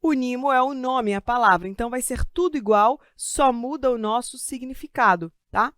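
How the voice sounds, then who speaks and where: A Brazilian woman teaching Portuguese grammar in an online exam-prep class. She talks in a chatty, joking way and draws out key words slowly to stress them. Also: on the high side, no room sound, clean studio sound. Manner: lively, stretches key words slowly for emphasis; chatty asides and self-joking humor. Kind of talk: live online grammar lesson. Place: studio with a desk of computers.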